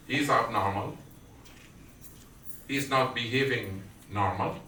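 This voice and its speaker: Slow, bright-voiced Guyanese man preaching. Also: medium pitch, slight background noise. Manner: slow storytelling with questions to the audience. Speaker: satsang speaker. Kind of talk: devotional sermon. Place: indoor family prayer gathering. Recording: echoey room, distant mic, faint background.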